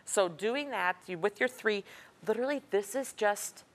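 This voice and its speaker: A woman's voice: medium pitch, moderate pace. A woman guest on a live morning TV show, chatting and explaining a craft project step by step. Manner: chatty, instructive, upbeat. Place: TV studio.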